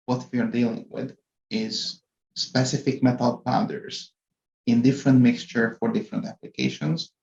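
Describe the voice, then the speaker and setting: A middle-pitched man in his forties with a Hungarian accent and a gravelly, fry-edged voice, speaking in a measured, deliberate way. He is a guest on a podcast interview. The audio is dull and lo-fi in a roomy space. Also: mellow. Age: 40s. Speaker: guest executive.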